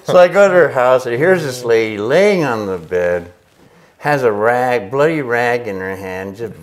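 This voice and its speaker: A man's voice: mid-range voice, expressive, unhurried. An older man, a missionary who grew up in Chile, telling his story in a casual interview and acting out his own reactions with laughs. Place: indoor workshop with a pegboard wall. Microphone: lapel mic.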